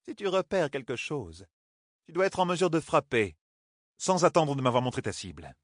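A composed, commanding sorceress who speaks in cool, clipped orders, pitched well above the reader's low voice as a male narrator puts her on. The tone is husky and the recording dry, in the manner of a storybook audiobook. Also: sing-song, normal speed, no room sound. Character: calm commanding sorceress woman, authoritative.

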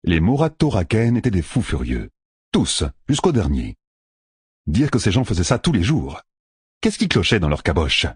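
A man reads a fantasy audiobook with a deep, husky voice. His pitch roams widely as he tells the story with expressive drama. The sound is dry and close. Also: normal speed, dry recording. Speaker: audiobook narrator. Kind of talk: scripted narration.

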